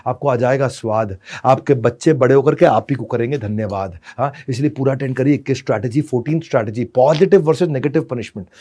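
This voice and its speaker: A man with a fairly high voice delivers a motivational lecture on parenting. His delivery is dramatic, jumping from loud bursts to hushed asides. He slips terms his talk. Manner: dramatic, swings from loud scolding to soft asides. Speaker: business consultant and parenting coach.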